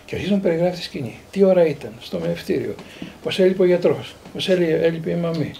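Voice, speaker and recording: A man in his sixties from Greece, a priest and theologian, recounting personal memories as a lively storyteller who quotes others and often repeats words. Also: fairly high pitch, vocal fry, slight background noise.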